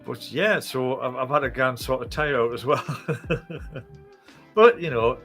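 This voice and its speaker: British male co-host, casual, profane, laughs a lot, mid pitch. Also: a little slow, soft background music. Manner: swears a lot, laughs often, animated storytelling. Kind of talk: casual chat.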